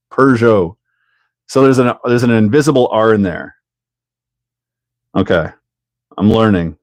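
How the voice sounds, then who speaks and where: A man's voice: lowish voice, takes it slowly, long pauses, dry recording, clean studio sound. A Canadian man hosting a live stream, chatting casually while he builds and answering viewers, with frequent laughs. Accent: Canadian English.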